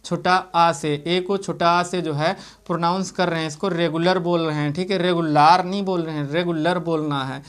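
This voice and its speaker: A man's voice: sits high, a bit bright, clear, resonant tone. A man teaching English pronunciation in an explanatory lesson. He spells words out letter by letter, asks himself rhetorical questions and keeps checking in with the class. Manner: keeps repeating "theek hai" to check in.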